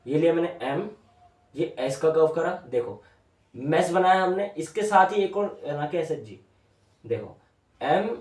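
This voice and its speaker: A man teaching shorthand at a whiteboard, stretching each word out slowly as he writes it, with said in a way inside his talk. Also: on the high side, lively intonation, a little mellow. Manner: repeats each word slowly while writing. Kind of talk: whiteboard lesson. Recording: echoey room, mic at a distance.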